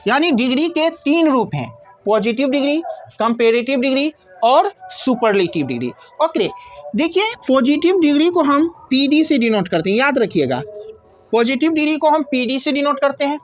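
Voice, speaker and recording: A woman with a high voice teaches a grammar lesson. She explains patiently step by step, posing questions and answering them herself. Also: sing-song, moderate pace, highs cut off, faint music behind.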